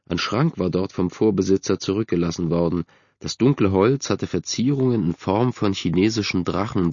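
Deep-voiced man reading a spooky story. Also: husky, no echo. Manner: calm, measured storytelling. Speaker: audiobook narrator. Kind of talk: scripted narration of a spooky youth novel. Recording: dull, dry recording.

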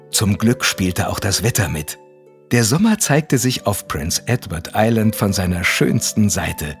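A man narrating a radio play in a lively storytelling manner. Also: lowish voice. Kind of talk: scripted narration.

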